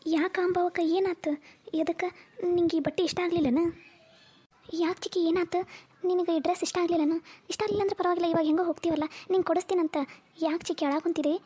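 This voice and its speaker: A woman's voice: extremely high pitch, dark tone. Chatty woman with North Karnataka accent. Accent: North Karnataka Kannada. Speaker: voice actor for a cartoon. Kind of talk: cartoon dialogue, many characters.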